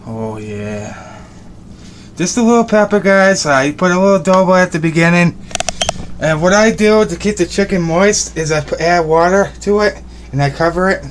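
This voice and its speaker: A young man with a high, animated voice vlogs casually while cooking at home, talking at a normal speed in an upbeat, rambling way and repeating his words. He films on a phone held at arm's length, moving between a small home kitchen and bedroom, with noise in the background.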